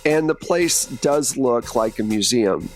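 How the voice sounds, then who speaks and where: Faint music plays behind a man who is running a tabletop roleplaying game. His mid-range voice is expressive and slow as he improvises the narration conversationally, addressing the players as "you."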